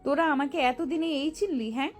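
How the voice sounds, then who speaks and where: A woman doing a high, commanding girl-gang boss. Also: a little fast, faint music behind, lightly acted. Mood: smug. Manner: commanding, curt. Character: hot-tempered, domineering young female gang leader. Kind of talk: Bengali audio love-story drama.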